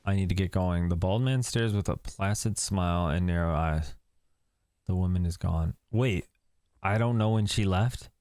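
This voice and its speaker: A man's voice: sits low, moderate pace, a little mellow, smooth, dry recording, clean studio sound. A young man commentating a game playthrough, reading text aloud and joking nervously. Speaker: gaming commentator. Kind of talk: let's-play commentary.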